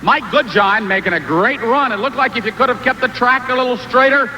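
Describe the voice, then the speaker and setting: A man's voice: very high voice, brisk, noisy background. A man speaking as a tractor pull announcer, giving emphatic, polished commentary and putting questions to drivers.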